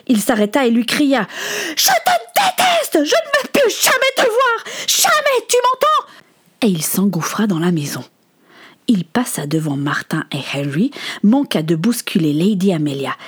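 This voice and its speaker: A woman reading an audiobook story with expressive narration. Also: lowish voice, breathy edge.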